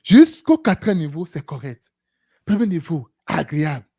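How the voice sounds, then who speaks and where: A preacher giving an animated sermon, breaking it up with frequent hallelujahs and acted-out exchanges. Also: mid-range voice, moderate pace, breathy edge. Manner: animated, repeats "Alléluia", acts out dialogues.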